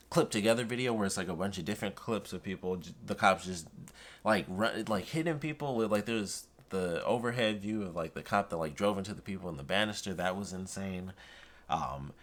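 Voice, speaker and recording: A man who sounds high, rambling casually in a dazed, drifting stoner manner as he vlogs and trails off. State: high, intoxicated. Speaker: vlogger. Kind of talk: rambling casual unboxing vlog.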